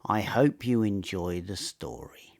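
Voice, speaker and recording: A man narrating a true personal story in a measured, matter-of-fact scripted way. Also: lowish voice, a little mellow.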